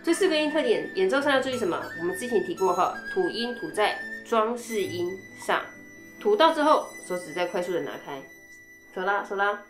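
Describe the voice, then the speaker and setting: A flute teacher with a Taiwanese Mandarin accent talks her way through each passage in a chatty lesson on instrument technique, singing rhythm syllables as she explains. She speaks fairly quickly at medium pitch with big swings in pitch, recorded in an echoey room with faint music.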